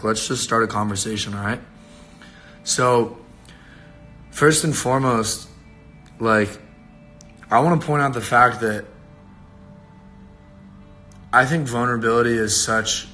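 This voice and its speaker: A young man hosting a casual livestream, tired and rough-voiced, rambling loosely and swearing casually. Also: lowish voice, pushed and bright. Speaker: livestream host. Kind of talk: casual live-stream chat.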